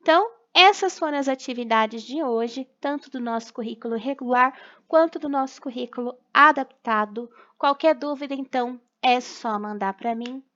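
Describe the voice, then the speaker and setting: A woman's voice: high voice, normal speed, few pauses, fairly bright tone, dull audio. A young woman teacher with a Brazilian Portuguese accent, patiently sounding out syllables for young children in a recorded remote class. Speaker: primary school teacher.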